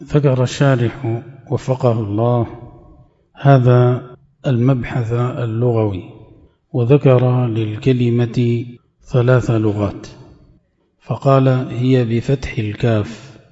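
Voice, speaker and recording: A man gives a classical grammar lesson, slowly working through a text and stretching quoted words for emphasis. His voice is dark and mellow. The recording is dull and muffled, with long reverb from a hall. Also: mid-range voice, steady tone. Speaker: teacher explaining a grammar text.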